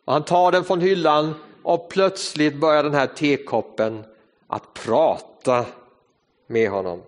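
A man preaching a sermon, earnest and storytelling, shifting between fast and slow phrases in a church. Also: a little high. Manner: earnest storytelling, varied tempo. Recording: reverberant hall.

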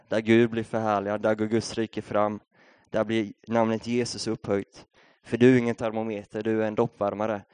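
A man's voice: fairly low pitch, a little mellow, clear, resonant tone, no echo. A young Swedish man preaching a sermon, telling a story in a casual, conversational way before building up to a rousing appeal. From Sweden.

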